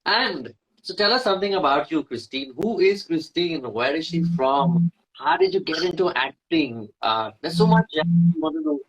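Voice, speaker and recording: A woman's voice: low voice, very animated, moderate pace, husky, poor audio. A woman hosting a casual chat, encouraging her guest with short affirmations. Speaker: host.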